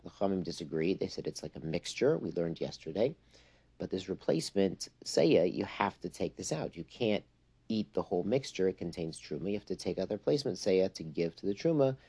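Male religious teacher, low relaxed voice, explanatory and emphatic, informal lesson mixing English with Hebrew and Yiddish terms. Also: fairly quick, breathy edge.

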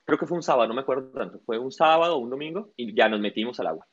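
A man's voice: mid-range voice, animated, very fast. Guy coach telling stories in an interview, acts out quotes, dull lo-fi audio. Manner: tells stories with acted-out quotes. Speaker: guest, sports coach. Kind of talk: casual interview storytelling.

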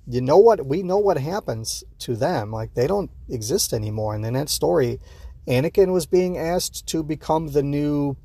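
A man's voice: mid-range voice, dry recording. Man rambling through a casual recap. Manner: rambling, animated, lots of fillers and acted-out quotes. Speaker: show host. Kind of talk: casual episode reaction recap.

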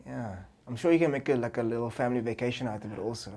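Man, South African accent, podcast host, casual colloquial chat, medium pitch, short interjected questions. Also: racing, mellow, a little hiss or hum.

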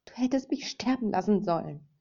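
A woman's voice: lowish voice, moderate pace, dark tone, slightly rough. A woman voicing a furious captive young woman. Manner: bitter, distraught. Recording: dull lo-fi recording.

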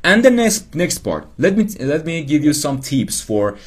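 Slow, lively self-help podcaster, man. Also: on the high side, slightly rough. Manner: rambling, repeats himself, laughs at himself. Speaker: podcast host. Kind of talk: casual self-help monologue.

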